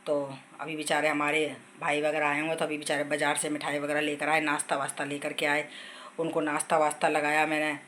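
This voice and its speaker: A woman's voice: sits low, completely flat delivery, a little fast, fairly bright tone, slight background noise. A middle-aged woman vlogging casually from her home kitchen while unwell, chatting at length and retelling conversations with family.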